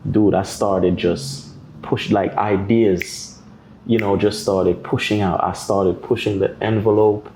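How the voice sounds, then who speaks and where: A Jamaican-accented man, a guest artist on a podcast, tells animated stories and acts out other people's voices. His voice is on the low side and unhurried, and the recording quality is poor.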